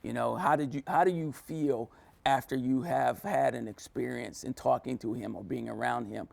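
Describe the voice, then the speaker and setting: Gravelly-voiced former player recalling his coach. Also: mid-range voice, normal speed, darkish tone, no echo. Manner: earnest, reflective, many "you know" fillers. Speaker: former player, interview guest. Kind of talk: sit-down interview.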